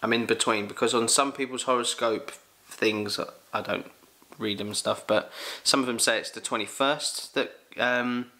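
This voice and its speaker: A young man with a London accent, casually answering Q&A questions in a jokey, animated way. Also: medium pitch, moderate pace. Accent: London English. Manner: animated, jokey, exclaims loudly. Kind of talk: casual Q&A chat.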